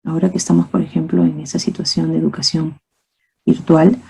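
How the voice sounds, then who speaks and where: A woman gives a methodology lecture for teachers, explaining calmly, posing rhetorical questions and often checking in with "¿ok?" and "¿no?". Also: low-pitched, a little fast, gravelly, slightly rough, poor audio. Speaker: teacher trainer.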